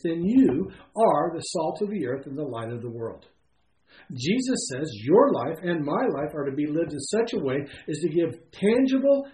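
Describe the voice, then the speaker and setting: A man preaching a sermon as a pastor, with an animated delivery, emphatic pauses and frequent filler sounds. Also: on the high side, echoey room, low-quality recording.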